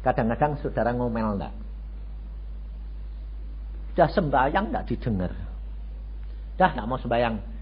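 An older man preaching a sermon, jumping between loud exclamations and low asides and throwing rhetorical questions at the congregation. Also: expressive, a little slow, long pauses, a little hiss or hum. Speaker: pastor. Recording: dull lo-fi radio broadcast.

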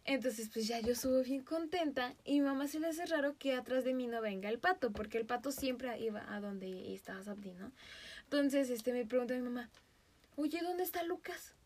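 A woman with a Mexican Spanish accent, hosting a podcast and telling a story in a casual, animated way, often breaking into laughter. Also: on the high side, brisk. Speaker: podcast host.

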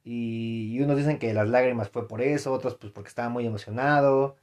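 A man's voice: medium pitch, fairly even intonation, brisk, darkish tone. A young adult man with a Mexican accent talking casually on his podcast, rambling with many fillers, restarts and slang. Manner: rambling, frequent fillers and self-corrections, slangy. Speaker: podcast host. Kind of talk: casual solo podcast commentary.

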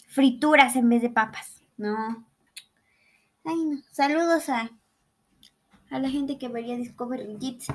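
A young Mexican woman rambling sarcastically through a playful, comedic explainer. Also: high voice. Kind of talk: casual comedic explainer monologue.

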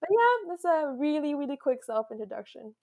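A woman's voice: sits high, very animated, a little fast, dark tone. A young woman from France, a podcast guest, talking casually over a video call, laughing and rambling a little. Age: young adult. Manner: giggly, rambling, self-deprecating. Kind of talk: casual interview.

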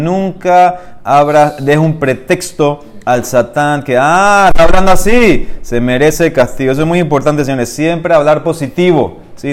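A man's voice: fairly high pitch, smooth. A man teaching a Talmud class, reading each phrase of the text and then explaining it, and speaking directly to his listeners with emphasis.

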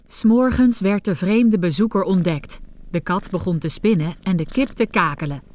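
A woman telling a fairy tale in scripted storybook narration, expressive, with dramatic jumps in pitch.

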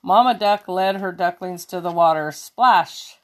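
A woman reading a children's picture book aloud, slow and expressive, now and then fixing a slipped word. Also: lowish voice. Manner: slow, expressive storytelling with small self-corrections. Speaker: children's story reader.

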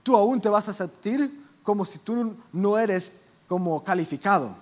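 A young man with a high, expressive voice preaches a sermon at a measured pace. His style is conversational, full of fillers, and he asks the audience questions and acts out the voices he quotes.

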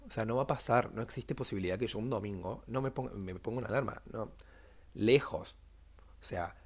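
Young Argentine man, solo podcast host; fairly low voice, chatty, self-deprecating, pitch leaps when excited. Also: breathy edge. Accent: Rioplatense Spanish. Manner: chatty, self-mocking, animated jumps in pitch. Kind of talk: casual solo podcast monologue.

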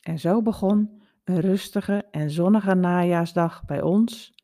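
A woman in her fifties reading aloud a personal story in a calm, wry storytelling manner. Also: on the low side, slow pace. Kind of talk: read-aloud personal narrative.

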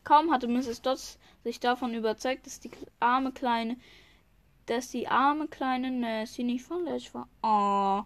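A woman's voice: a little high, slow pace. A woman reading a novel chapter aloud, often stumbling and restarting words. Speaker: reader.

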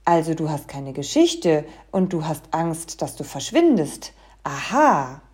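A woman putting on a friendly, booming old Santa Claus from a storybook, hearty and commanding. The tone is warm and mellow with a faint rasp. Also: lively intonation, measured pace. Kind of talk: storybook reading.

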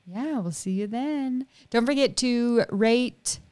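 A woman's voice: a little high, slow pace, mellow. A woman in her thirties co-hosting a podcast, chatting casually with a lot of "like" and frequent giggles. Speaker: podcast co-host. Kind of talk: casual chat.

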